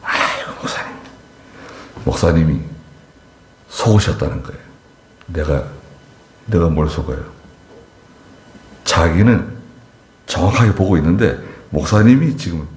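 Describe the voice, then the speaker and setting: Deep-voiced preaching man, echoey hall. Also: moderate pace, long pauses, slight background noise. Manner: animated storytelling, voice rising sharply for emphasis and falling low for asides. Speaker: pastor. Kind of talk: Wednesday service sermon. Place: church sanctuary.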